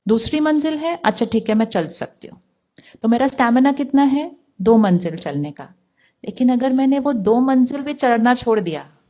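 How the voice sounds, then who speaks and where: A woman giving a calm spiritual talk, putting questions to her listeners and answering them herself. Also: a little high. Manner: calm, asks the audience rhetorical questions. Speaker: spiritual teacher.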